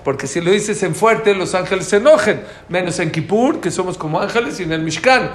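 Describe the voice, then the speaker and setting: A man with a high, expressive voice teaches a religious class, speaking a little fast. He is emphatic, repeats his key points and answers students' questions directly. The recording sounds roomy, with faint background noise.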